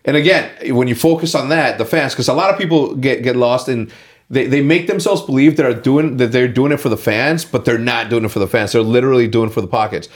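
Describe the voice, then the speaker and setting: A man's voice: medium pitch, fast. A man in his late thirties hosting a casual sit-down chat, rambling and opinionated with lots of filler words. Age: late 30s. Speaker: podcast host.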